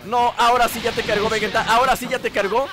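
A man's voice: very high voice, steady tone, fast, a crowd in the background. A man giving playful, teasing gameplay commentary, swearing casually. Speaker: gaming channel host.

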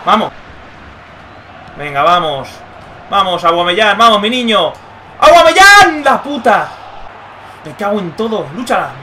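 A young man commentating live on his own football video game match, muttering one moment and yelling the next. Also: high voice, unhurried, long pauses, background noise. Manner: excitable, swings from muttering to yelling. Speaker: gaming streamer.

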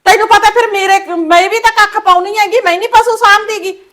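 A woman's voice: very high voice, steady tone, quick pace, fairly bright tone. A woman with a Punjabi accent acting a blunt sister-in-law in a short film, scolding about chores. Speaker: sister-in-law in a village household.

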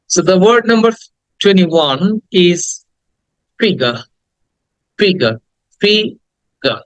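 Man teaching pronunciation, slow and deliberate. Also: fairly high pitch, a bit bright, clean tone, dry recording, rough recording. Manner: slow, drawn-out model words repeated, quick explanations. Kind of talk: spoken language lesson.

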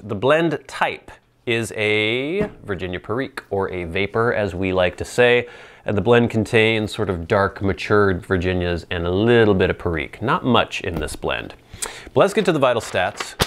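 A man in his thirties or forties giving an informal product review to camera, explaining in a measured, casual way with playful asides. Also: low-pitched. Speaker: pipe tobacco reviewer. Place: small indoor set with plain backdrop. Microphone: lapel mic.

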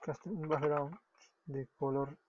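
A fairly high-voiced man from Peru with a Peruvian Spanish accent narrates a screen-recorded coding tutorial as a web development tutor, explaining step by step while correcting himself and often apologizing. His tone stays steady and his pace slow. The dull lo-fi recording picks up keyboard typing and a noisy background.

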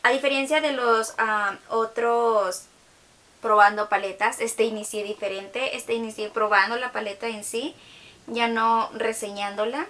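A woman's voice: on the high side, steady tone, unhurried, pushed and bright. Chatty young woman. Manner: chatty, with hesitant fillers. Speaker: makeup tutorial host. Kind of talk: casual makeup tutorial talk. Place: her bedroom.

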